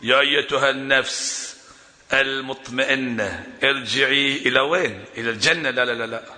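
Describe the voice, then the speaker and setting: A man's voice: mid-range voice, fast, bright, forceful tone, big-room sound. A man preaching a sermon at a religious gathering, building to rising, emphatic passion and chuckling often. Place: religious gathering hall indoors.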